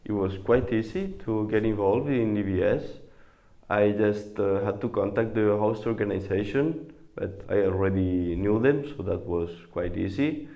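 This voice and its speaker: Young man with a low gravelly voice. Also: dark tone. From Spain. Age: 20s. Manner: halting, many pauses and fillers. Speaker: volunteer. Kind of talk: interview to camera.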